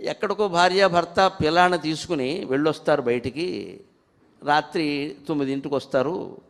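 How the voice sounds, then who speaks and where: A man speaking with a Telugu accent, giving a devotional discourse. He explains plainly and then chants verses slowly and fervently. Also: a little high, creaky. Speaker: spiritual speaker. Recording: hall reverb.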